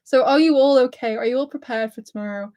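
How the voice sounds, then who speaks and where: Speaking quickly in a high, mellow voice with the highs cut off, a YouTuber in her twenties hosts a livestream. She comes from near Blackpool, England, with a mixed Lancashire and Scouse accent, and giggles nervously while going through viewer comments.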